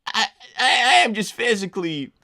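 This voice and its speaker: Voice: mid-range voice, animated, moderate pace, sharp tone. A performer playing Tails, an anxious, exhausted teenage fox boy, hesitant and stammering while hosting an improvised livestream. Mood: weary, flustered. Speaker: live stream host reading donations.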